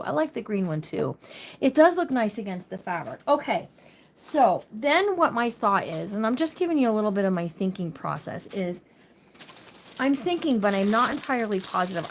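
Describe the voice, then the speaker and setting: A woman's voice: mid-range voice, a little hiss or hum. A woman hosting a casual craft livestream. She chats with viewers by name and thinks aloud while she works. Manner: says she talks loud.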